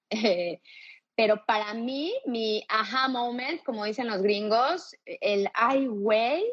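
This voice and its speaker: A woman's voice: mid-range voice, lo-fi sound. A woman from Mexico with a Mexican Spanish accent, a fitness coach talking candidly and energetically as a guest in an interview, swearing freely. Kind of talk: casual interview talk.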